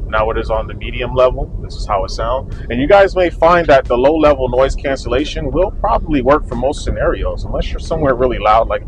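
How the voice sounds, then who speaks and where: A man demonstrating a wireless clip mic into an action camera, with noise reduction artifacts on his voice, explaining settings step by step to his viewers. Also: on the low side. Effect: noise reduction artifacts from in-mic noise cancellation. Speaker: camera gear reviewer. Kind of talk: casual gear test vlog. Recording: loud traffic noise behind voice.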